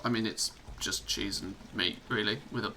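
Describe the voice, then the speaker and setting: Bright-voiced English streamer chatting. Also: male voice, on the low side, fairly even intonation, normal speed, slight background noise. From England. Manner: chatty, self-mocking, laughs often. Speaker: live streamer. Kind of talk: casual live-stream gameplay chat.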